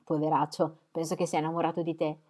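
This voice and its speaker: A woman's voice: low-pitched, little pitch movement, fast, dark tone. Fred, an idle proud young man, as a woman reads him. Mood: coaxing. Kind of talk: audiobook reading.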